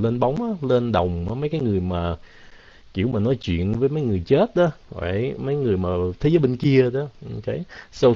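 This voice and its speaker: A man teaching English in a casual live Q&A, mixing Vietnamese and English and drawing words out slowly. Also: medium pitch, dark tone, no room sound. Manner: drawn-out, slow pronunciation of English words. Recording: dull, lo-fi, dry.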